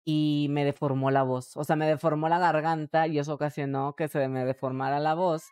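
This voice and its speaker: A woman's voice: sits low, fairly even intonation, moderate pace, darkish tone, clear, resonant tone, no room sound, clean studio sound. A woman with a Mexican accent streaming a video game, joking crudely and talking to her chat. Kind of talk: casual live gameplay commentary.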